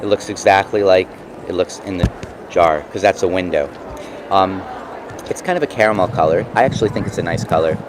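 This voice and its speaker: A man with a New York accent casually explaining and demonstrating craft products, pausing mid-sentence as he works. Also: low voice. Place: busy convention booth. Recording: noisy trade show floor background.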